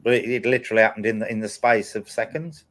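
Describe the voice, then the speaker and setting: Low-voiced man telling a personal story. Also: flat delivery, fast, a bit bright. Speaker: host of a paranormal live chat. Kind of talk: casual chat, telling a personal anecdote.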